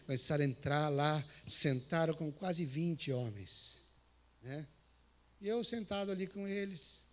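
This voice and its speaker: A Brazilian Portuguese-accented man preaching in a church, spinning a lively story. His voice sits a little high and leaps around as he acts out each exchange and the scripture readings. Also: measured pace. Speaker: missionary preacher. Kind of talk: sermon with storytelling.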